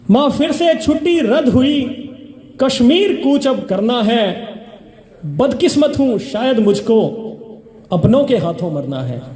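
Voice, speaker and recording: A poet from Haryana reciting patriotic verse on stage at an embassy event. He declaims slowly and repeats each couplet with rising emphasis. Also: high-pitched, dark tone. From Haryana, India. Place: event hall at an embassy, indoors. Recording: echoey hall recording.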